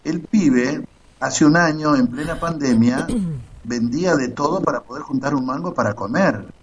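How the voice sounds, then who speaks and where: A man's voice: fairly high pitch, unhurried. A man with an Argentine accent telling a story in casual radio commentary, acting out the quotes as he goes. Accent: Argentine Spanish. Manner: storytelling, quoting others animatedly. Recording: muffled lo-fi sound.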